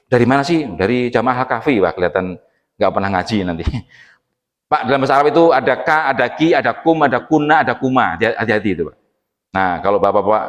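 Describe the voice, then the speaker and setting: A man giving a casual mosque sermon, chatty and joking, quizzing the congregation. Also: sits low. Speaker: mosque preacher. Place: mosque hall. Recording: long mosque reverb.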